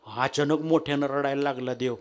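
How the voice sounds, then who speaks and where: A man's voice: mid-range voice, fairly even intonation, brisk. A man with a telling a devotional story as a kirtan preacher, folksy and addressing the audience directly.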